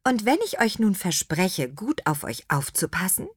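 A woman's voice: lowish voice, very animated, moderate pace, slightly rough, dry recording, clean studio sound. Petronella, a kind young witch, read by a woman. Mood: reassuring. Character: kind caring female apple witch.

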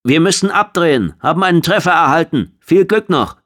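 A man voicing a pilot who calls out urgently over the radio in a strained, much higher voice. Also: brisk, close to an everyday voice. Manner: urgent, calling out.

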